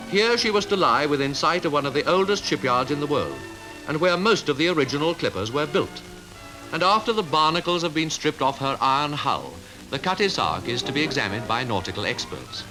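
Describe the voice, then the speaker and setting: A man narrating an old 1950s newsreel in a formal, measured, declamatory manner. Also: mid-range voice, rough recording.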